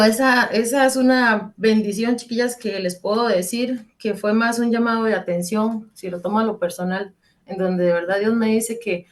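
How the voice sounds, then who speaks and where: A woman giving a personal faith testimony on the radio, earnest and fervent, telling her story with quoted dialogue and speaking straight to her listeners. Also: medium pitch. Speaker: church group member giving testimony.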